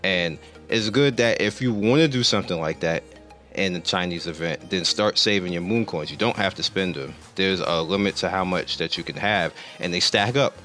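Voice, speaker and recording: Gaming host, male, low voice with a bright edge; rambling, self-correcting walkthrough of menus, a bit hoarse; faint music behind. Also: moderate pace. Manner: rambling, self-correcting, explains while clicking through menus. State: losing his voice. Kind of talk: casual gameplay commentary.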